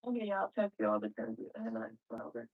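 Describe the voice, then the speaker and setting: A woman's voice: very deep voice, sing-song, quick pace, slightly rough. A woman heard over a phone call, a business contact talking through a deal in a brief, matter-of-fact way. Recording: tinny phone line.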